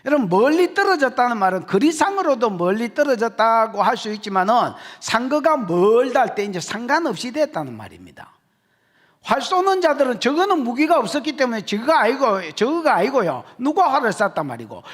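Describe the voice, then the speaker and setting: A man with a Gyeongsang Korean accent preaching an expository sermon as pastor, joking with the congregation and shouting his key points. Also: very high voice, fairly quick. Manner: animated, jokey, shouts for emphasis.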